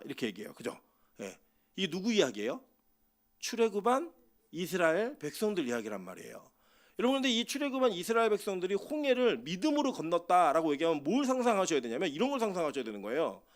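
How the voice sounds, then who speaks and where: A man's voice: high-pitched, sing-song, quick pace. A male pastor preaching a sermon at a midweek church service, talking conversationally and telling humorous stories with acted-out dialogue.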